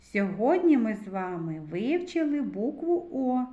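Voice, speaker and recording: A woman's voice: on the high side, very animated, unhurried, dark tone. A woman kindergarten teacher giving a literacy lesson to preschoolers, spelling out sounds carefully and praising the children. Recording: echoey, slightly dull recording.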